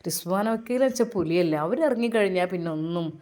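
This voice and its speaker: A woman voicing a middle-aged man who calmly reassures a worried friend, her voice pitched far down. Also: fast talker, natural voice. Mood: reassuring. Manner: steady, reassuring.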